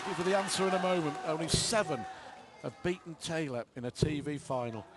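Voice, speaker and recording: A man's voice: on the high side, quick pace. A man giving live darts commentary as the lead commentator. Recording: clear background noise from venue.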